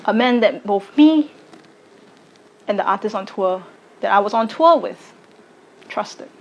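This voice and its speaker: A woman, giving a slow, deliberate personal statement to camera. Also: medium pitch, expressive, rough recording. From Singapore. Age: late 20s. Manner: slow, deliberate, measured delivery. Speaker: arts educator and content creator.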